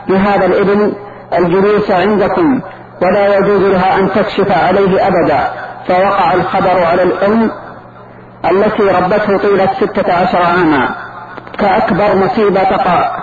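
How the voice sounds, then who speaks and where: A man's voice: high-pitched, echoey room, highs cut off, very noisy. A man reading a listener's written question aloud to the scholar, stumbling over some words.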